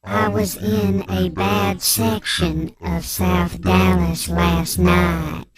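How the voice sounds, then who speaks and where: A performer playing an anonymous informant on a radio comedy bit, speaking through an electronically disguised voice with a slow, deadpan delivery. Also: mid-range voice, a crowd in the background. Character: anonymous tipster in hiding, deadpan and lurid.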